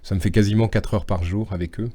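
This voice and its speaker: A French stage actor in his fifties chatting in an interview, unhurried and hesitant, with many fillers. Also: on the low side, steady tone, warm tone. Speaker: stage actor and voice-over artist. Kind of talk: casual interview chat.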